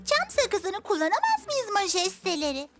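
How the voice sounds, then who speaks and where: A woman's voice: very high-pitched, moderate pace, exaggerated voice. A woman voicing an eager, good-hearted little girl bee in a dubbed children's cartoon, full of exclamations. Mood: earnest, urgent. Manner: excitable, exclamatory. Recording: loud music behind the voice.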